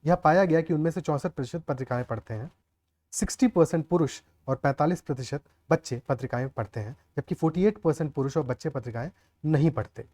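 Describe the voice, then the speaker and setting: A man's voice: fairly high pitch, fast, dark tone. A man teaching a maths lesson step by step, often checking with the class whether they follow. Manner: explains aloud, often checks the class with "clear?" and "okay".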